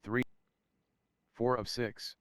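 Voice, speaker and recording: A male text-to-speech console menu narrator reading prompts in a flat synthetic way, heard with a doubled echo from a second device. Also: mid-range voice, very slow.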